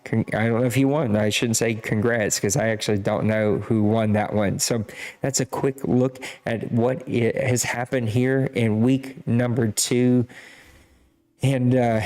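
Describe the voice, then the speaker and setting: This man hosts a podcast in an unhurried, steady, mid-range voice that's a little mellow, carrying a Cajun accent. Originally a Cajun French speaker from Louisiana, he recaps scores casually, rambling and running himself down.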